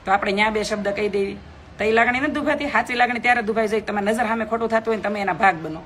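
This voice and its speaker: An outspoken young woman talks to her live viewers from her phone at home. Her pitch sits in a middle range. A faint hum of background noise runs underneath. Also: rapid-fire, fairly bright tone. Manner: outspoken, emphatic, reads out comments. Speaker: live video host. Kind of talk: live stream talk to viewers.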